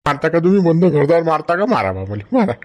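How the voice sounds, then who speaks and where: A man, playing a hot-headed young village farmer in a comedy skit. He talks loudly and quarrelsomely and keeps tacking on a demanding "huh?". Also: fairly high pitch, fairly quick, natural voice. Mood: aggrieved.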